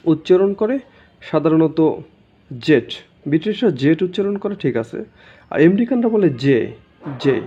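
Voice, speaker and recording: A man's voice: fairly high pitch, warm tone. A man teaching letter pronunciation in a casual video lesson, speaking informally to viewers as friends and restarting words mid-phrase. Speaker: English teacher. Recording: dull lo-fi sound.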